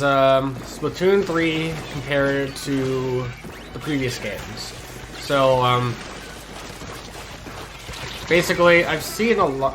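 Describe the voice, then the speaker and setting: Over gameplay, a man hosting a gaming channel chats casually while stuffy from a cold. He sounds laid-back and hesitant, with lots of ums and restarts, in a mid-range voice against a noisy background.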